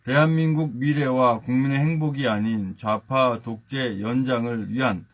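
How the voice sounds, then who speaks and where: A man with a medium-pitched voice acts as host. He comments briefly and reads a formal political statement aloud. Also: normal speed.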